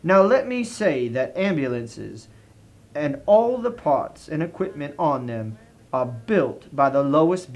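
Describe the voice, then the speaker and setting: This man speaks with a Southern US accent and a fairly high voice. He narrates a comic review as if it were a dramatic story, in a genteel, theatrical manner.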